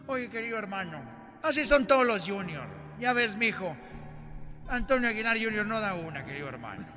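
A man's voice: high voice, animated, fairly quick, over music. A man playing a comic sidekick in a sketch, answering with exaggerated wailing exclamations. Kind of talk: comedy sketch banter.

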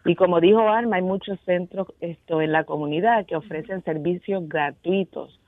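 A woman's voice: lowish voice, moderate pace, no room sound, phone-quality sound. A woman calling in to a radio show, talking bluntly and critically, slipping English words into her speech. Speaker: caller. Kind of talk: casual radio call-in chat.

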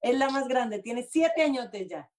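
A woman's voice: a little high, lively intonation, a little slow, crowd noise. A mother co-hosting a talk show, speaking animatedly about her children. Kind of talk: casual chat.

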